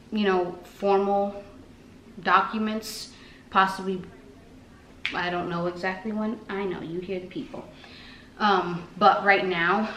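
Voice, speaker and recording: A woman's voice: lowish voice, fairly bright tone. A woman vlogger chatting casually, rambling with many fillers. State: out of breath. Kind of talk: casual chat. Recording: echoey room, faint noise.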